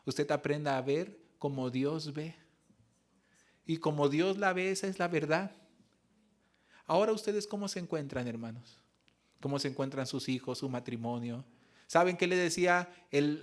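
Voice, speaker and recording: Earnest pastor preaching. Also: male voice, a little high, moderate pace. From Mexico. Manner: earnest storytelling, swings from soft reflection to raised emphasis. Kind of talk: sermon. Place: church service.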